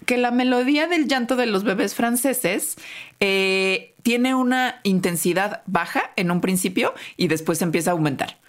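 A woman co-hosting a casual science podcast, chatty and explanatory. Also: lowish voice. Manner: chatty, explanatory, laughs often. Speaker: podcast co-host.

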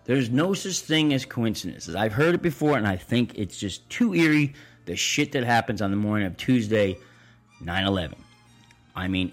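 A man's voice: mid-range voice, a bit bright. A man in his forties giving a crude, rambling comedic monologue that rants with a conspiratorial slant. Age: 40s. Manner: crude, profane, conspiratorial ranting.

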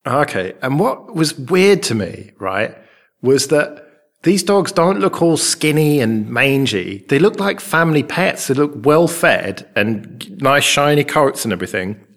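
An English man chatting casually and rambling a bit, recorded with a big hall echo in a large, open flat with a concrete floor. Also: medium pitch, measured pace. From England. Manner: rambling and chatty, with many fillers. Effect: big hall echo from an enormous, bare room. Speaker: podcast co-host. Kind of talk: casual chat.

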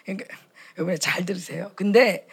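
A woman's voice: lowish voice, a little fast, slightly rough. A woman preaching a sermon at a retreat for pastors' wives, speaking with passion and acting out short quoted dialogues. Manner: impassioned, acts out quoted dialogues.

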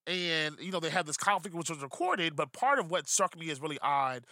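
A man hosting a podcast in casual chat, animated and rambling, often restarting his sentences. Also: fairly high pitch, brisk, no echo, clean studio sound. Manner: animated, rambling with digressions and self-corrections. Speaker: podcast host.

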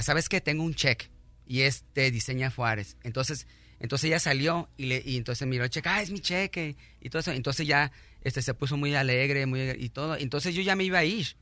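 A middle-aged man, a guest on a radio show, telling his own story in a halting, earnest way, full of restarts and thanks. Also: medium pitch, sharp tone, no echo.

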